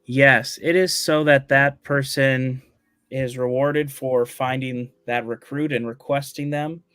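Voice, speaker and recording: A man's voice: mid-range voice, takes it slowly, clean tone, dry recording. A man hosting a live online show, talking casually with fillers and jokes. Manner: relaxed, joking, many fillers. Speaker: host. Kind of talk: casual live-stream chat.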